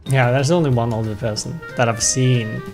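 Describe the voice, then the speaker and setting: With music behind him, a young non-native English speaker chats casually during a game stream, rambling and self-deprecating. He speaks at normal speed in a medium-pitched voice.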